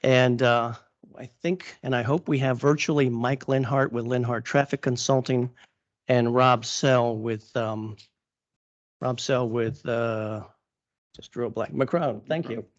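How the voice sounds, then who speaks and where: A man presenting formally at a public meeting as an applicant's attorney, halting with many fillers and restarts, and losing his voice. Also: medium pitch, fairly even intonation, no room sound, lo-fi sound. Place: council chamber.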